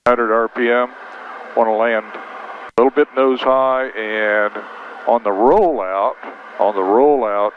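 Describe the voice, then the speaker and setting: A man's voice: medium pitch, slow, phone-quality sound. A man working as a flight instructor, talking over a pilot headset, giving directions and repeating key instructions. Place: inside a small plane in flight. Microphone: aviation headset. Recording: noisy band-limited cockpit headset intercom.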